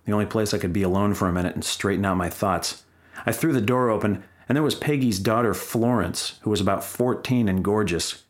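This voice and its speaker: A man reading his own comic first-person stories in a wry, blunt and profane manner. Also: lowish voice. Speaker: memoir reader.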